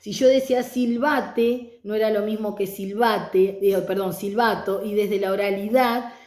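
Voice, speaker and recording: A woman's voice: mid-range voice, steady tone, moderate pace, darkish tone, echoey room. A middle-aged woman teacher giving a conversational online lecture on reading pedagogy.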